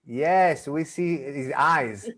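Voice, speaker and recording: A man with a fairly high, slightly bright voice speaks very slowly. Raised in Argentina and Israel, he carries an accent from both as he works as a magician and mentalist, running a live magic show over a video call. His patter is chatty and playful, full of restarts.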